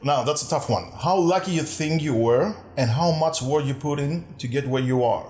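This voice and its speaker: A man's voice: fairly high pitch, moderate pace, darkish tone, reverberant. A man hosting an interview, asking questions in an informal, exclamatory way. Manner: informal, exclaiming, laughs along. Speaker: interview host.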